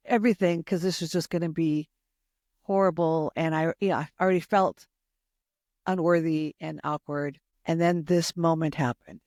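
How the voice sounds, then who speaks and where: A woman's voice: deep voice, a little mellow, dry recording. Woman in her 60s, veteran youth pastor type; earnest, heartfelt testimony voice, recorded close and dry. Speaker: longtime youth pastor, guest. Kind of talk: personal faith testimony in conversation.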